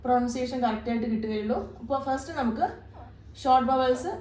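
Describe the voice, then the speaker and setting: Patient woman tutoring, slightly high, echoey. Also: a little mellow, recorded from a distance. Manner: patient, repeats each point slowly. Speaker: Arabic tutor. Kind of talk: step-by-step lesson. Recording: echoey room, somewhat off-mic.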